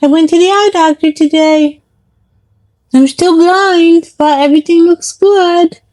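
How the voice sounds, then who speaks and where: A woman voicing her sweet old male dog as he greets viewers in a high, sing-song voice. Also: measured pace, darkish tone. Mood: cheerful.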